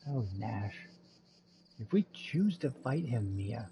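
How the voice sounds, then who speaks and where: A man's voice: mid-range voice, big pitch swings, takes it slowly, warm tone, a little hiss or hum. A man voicing a worried, pleading young male mage. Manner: pleading, fearful.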